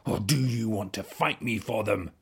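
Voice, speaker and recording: A man voicing a shrill, bad-tempered, boastful little ladybird that screeches and shouts in a storybook reading. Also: normal speed, creaky, slightly rough, exaggerated voice. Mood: screaming, boastful.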